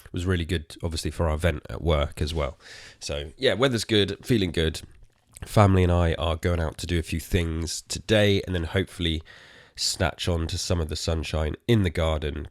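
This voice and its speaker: Tired and hoarse, this English man hosts a casual solo podcast in a very low voice, meandering through self-deprecating remarks with casual swearing. The sound is dry and close-miked.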